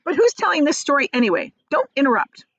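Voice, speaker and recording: A woman's voice: high voice, very animated, fast, a bit bright, no echo, dull audio, voice pushed up, full character voice. A woman voicing a boastful, rascally male centipede in a children's storybook, bragging and teasing.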